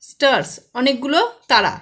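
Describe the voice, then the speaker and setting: A woman's voice: high-pitched, animated, moderate pace, a bit bright. A woman with a West Bengal Bengali accent teaching a children's English lesson, patiently asking questions and then answering them herself. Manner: patient, asks and answers her own questions.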